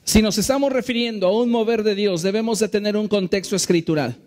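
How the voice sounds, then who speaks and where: Male pastor, high-pitched voice, earnest sermon, slow emphatic phrasing, church sanctuary. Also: a little mellow. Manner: earnest preaching, slows and stresses key phrases.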